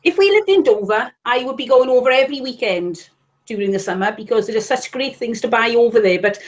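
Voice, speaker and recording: A woman from South Wales with a Welsh accent, appearing as a guest reseller on a live stream, talks in a brisk, animated voice on the high side. The casual live-stream chat is chatty and candid, sprinkled with wry asides.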